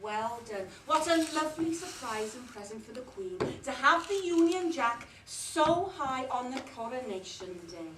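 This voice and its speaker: An actress with a Welsh accent playing a fussy, doting schoolteacher who gushes in a sing-song way. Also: female voice, sits high, lively intonation, moderate pace, hardly any pauses. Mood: coaxing. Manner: sing-song, gushing "that's lovely". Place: theatre stage, dress rehearsal. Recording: roomy stage, far from mic, noisy.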